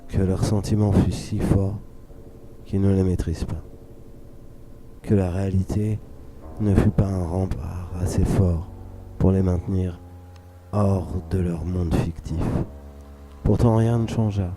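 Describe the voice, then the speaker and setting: Deep voiced guy narrating a serious radio story, really mellow, pretty flat delivery, measured and literary. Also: a little hiss or hum. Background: music under the voice.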